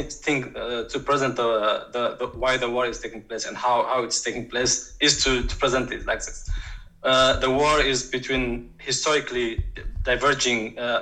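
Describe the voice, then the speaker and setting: A man's voice: medium pitch, bright, forceful tone, rough recording. A man from Tigray, answering interview questions as a guest, hesitant and full of fillers and restarts. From Tigray, Ethiopia. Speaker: guest activist.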